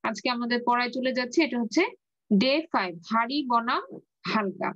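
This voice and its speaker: A woman's voice: on the high side, normal speed, a bit bright, no echo, dull audio. A woman teacher with a Bangladeshi Bengali accent giving an online grammar lesson, patiently repeating key words and answering her own questions. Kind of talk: online class lecture.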